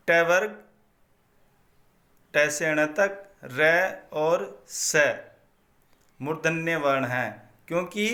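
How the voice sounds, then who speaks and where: A man gives a Sanskrit pronunciation lesson at a very slow, measured pace. His voice sits a little high and sounds bright and forceful. He chants the grammar rules and says each one twice. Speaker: Sanskrit teacher. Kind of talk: slow recited phonetics lesson.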